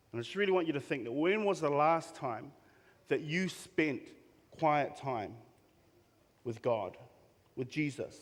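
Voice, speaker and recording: A man preaching a sermon with earnest intensity. His voice sits at an ordinary middle pitch, and he lets pauses hang and circles back on his phrases. A long hall reverb trails after each line. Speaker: pastor. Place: church hall.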